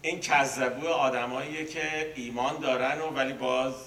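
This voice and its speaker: A man's voice: medium pitch, steady tone, a bit bright, a little hiss or hum. A man teaching a poetry class, reciting verses and then explaining them casually, often stopping to correct himself. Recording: echoey room, mic at a distance.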